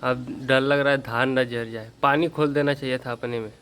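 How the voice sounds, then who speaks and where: Speaking at a moderate pace, a young man from northern India has a medium-pitched, steady, slightly bright voice, with a little hiss or hum in the recording. He vlogs casually to camera outdoors in farm fields, then at home. His manner is chatty, rueful and self-deprecating, with frequent "bhai sahab" and viewers addressed as "brother."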